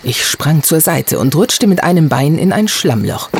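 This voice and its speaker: Animated storybook narrator. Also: mid-range voice, measured pace, noisy background. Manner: expressive, first-person storytelling. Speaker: audiobook narrator.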